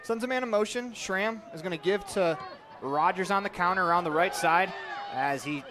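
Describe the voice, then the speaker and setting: A man with a Midwestern accent calling live football play-by-play, with quick excited calls that rise on big plays. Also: high-pitched. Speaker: play-by-play announcer. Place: outdoor high school football stadium. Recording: crowd and noise behind, outdoor stadium.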